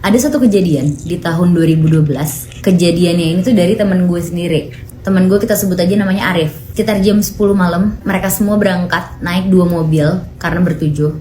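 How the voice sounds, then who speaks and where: Young woman, co-host, chatty horror teller; lowish voice, roomy echo, faint hiss. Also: quick pace, warm tone. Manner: chatty, conversational. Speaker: co-host storyteller. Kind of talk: casual horror storytelling.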